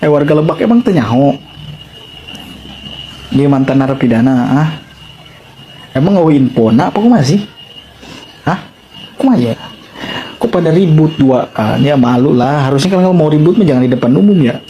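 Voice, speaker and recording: A man's voice: a little high, lively intonation, normal speed, long pauses, dark tone, lo-fi sound, a little hiss or hum. Exasperated Sundanese-accented man vlogging. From Banten, Indonesia. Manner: exasperated, scolding, slangy. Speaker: video commentator. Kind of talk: casual vlog commentary.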